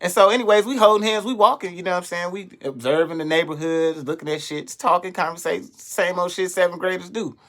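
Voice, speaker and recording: Profane, animated male comedian storyteller. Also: sits high, fast, hardly any pauses. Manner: animated, profane, acts out the voices of people in his story. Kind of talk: storytelling monologue.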